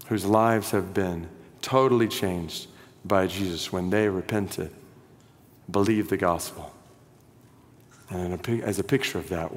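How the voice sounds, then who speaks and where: Earnest pastor preaching in a reverberant hall. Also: male voice. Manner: earnest, drops low and quiet at phrase ends, rises in appeals. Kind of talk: sermon. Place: church sanctuary. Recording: long reverb of a large hall.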